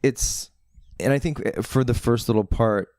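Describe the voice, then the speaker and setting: A man as a podcast guest, telling stories in casual chat, animated, with dramatic voiced asides. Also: mid-range voice, moderate pace, no room sound, clean studio sound.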